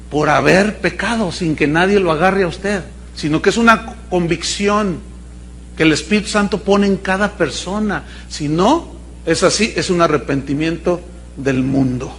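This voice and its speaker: A man's voice: high voice, fairly bright tone, a little hiss or hum. A man with a Mexican accent preaching a sermon in a chatty, storytelling way, often checking in with his listeners. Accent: Mexican Spanish.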